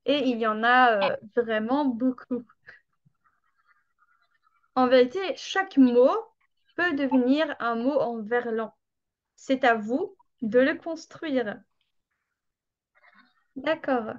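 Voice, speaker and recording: A woman teaching French in an online webinar, explaining slowly and patiently with drawn-out examples. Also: on the high side, lo-fi sound.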